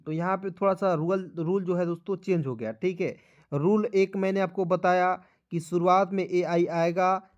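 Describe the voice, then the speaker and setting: Male online tutor, high voice, repetitive question-and-answer drilling, dull recording. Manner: repetitive, drilling, asks questions back to viewers. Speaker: English teacher. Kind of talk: spoken spelling lesson.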